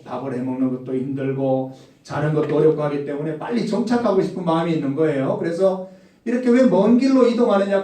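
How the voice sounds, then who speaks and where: A male pastor preaching a sermon to young adults, animated and asking the congregation direct questions. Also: on the high side. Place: church sanctuary. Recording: echoey hall, mic some distance off.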